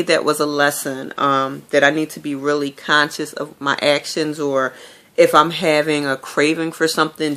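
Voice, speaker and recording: A woman's voice: low voice, bright, forceful tone. A woman talking candidly to her viewers in a casual video diary, telling stories with lots of fillers. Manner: chatty, candid storytelling with many fillers. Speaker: vlogger.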